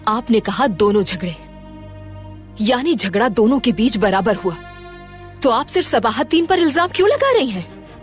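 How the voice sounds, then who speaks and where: A firm, measured sultana. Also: female voice, fairly high pitch, sing-song, faint music behind. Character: sultana defending her son.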